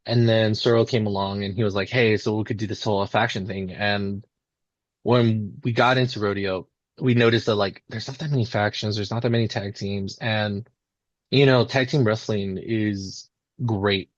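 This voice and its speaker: A man's voice: lowish voice, fairly even intonation, moderate pace, no echo, lo-fi sound. A man chatting casually and enthusiastically in an interview, telling rambling stories and acting out little imagined quotes as he goes. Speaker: independent pro wrestler being interviewed.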